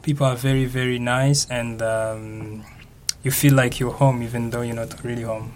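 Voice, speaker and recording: A man's voice: medium pitch, level tone, moderate pace, darkish tone, a little hiss or hum. A man with a Rwandan accent answers as a student guest in a radio interview, speaking a little hesitantly.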